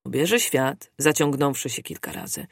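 A narrator reading a classic novel aloud in a steady, even storybook narration. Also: mid-range voice, moderate pace, creaky, husky, no room sound, clean studio sound. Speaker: audiobook narrator.

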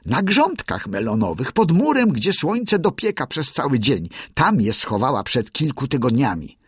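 A man voicing an excitable male tailorbird who chants and gushes his praise. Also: medium pitch, normal speed, breathy edge, no room sound, studio quality, pitched above the performer's own voice, exaggerated voice. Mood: gushing. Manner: chanting, gushing. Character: shrill excitable male tailorbird, boastful singer.

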